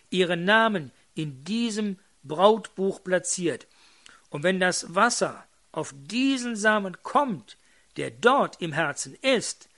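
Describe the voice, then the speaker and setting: A man's voice: high voice, a bit bright. A man preaching a fervent sermon, quoting scripture and calling out exclamations to his congregation.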